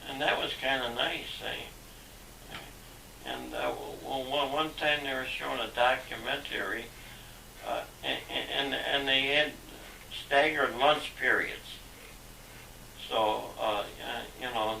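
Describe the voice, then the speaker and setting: An older man, a father, reminiscing haltingly with many fillers and restarts, on an old VHS home video recording. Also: medium pitch, fairly even intonation, vocal fry, sharp tone. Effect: old VHS home video sound. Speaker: father being interviewed. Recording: echoey, distant, hissy VHS tape.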